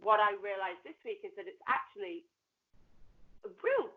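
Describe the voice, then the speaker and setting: A woman's voice: mid-range voice, animated, normal speed. A woman co-hosting a podcast in casual chat, talking freely and acting out quotes of other people. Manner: chatty, quotes people in acted-out voices. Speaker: podcast co-host. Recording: slightly dull lo-fi sound.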